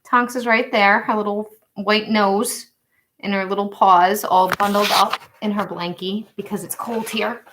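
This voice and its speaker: A woman's voice: medium pitch, fairly even intonation, a little slow, background noise. A woman, hosting a casual tarot livestream in a rambling, chatty way with frequent laughs. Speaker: tarot reader and channel host.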